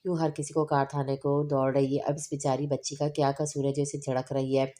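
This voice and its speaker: Brief: a woman reading as a loud chiding grandmother, low and dark voice, storybook. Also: level tone, fairly quick. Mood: scolding. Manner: sharp, chiding. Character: scolding older grandmother, blunt and loud.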